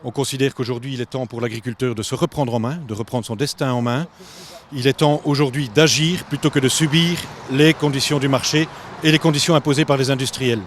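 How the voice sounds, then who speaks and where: A man speaks as a farm spokesman in a firm, measured, declarative way. His voice sits at a middle pitch, with faint background noise. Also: fairly even intonation. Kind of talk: statement to camera.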